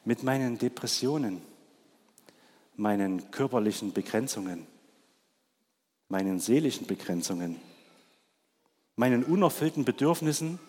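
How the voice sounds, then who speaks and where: Thirty-something guy preaching, slow, husky, big church echo. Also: medium pitch, animated, a little mellow. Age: 30s. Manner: asks the congregation questions. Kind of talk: Christmas sermon. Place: large church. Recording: long church reverb.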